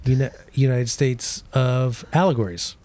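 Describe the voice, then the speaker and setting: A man co-hosting a comedy podcast, rambling and halting through deadpan absurd riffs. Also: medium pitch. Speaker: podcast co-host. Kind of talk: comedic banter.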